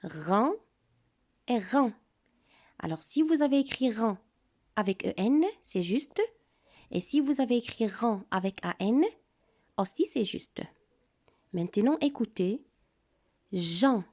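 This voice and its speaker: A woman's voice: on the high side, lively intonation, a little slow, pauses often, a little mellow. A woman teaching a reading lesson to young children, speaking with careful articulation and encouraging them. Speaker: primary school teacher.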